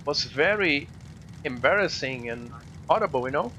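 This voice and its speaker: Bright-voiced chatty male streamer. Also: on the high side, animated, slight background noise. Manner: chatty, addresses viewers directly; halting, non-native English phrasing. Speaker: live streamer. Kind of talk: casual chat while gaming.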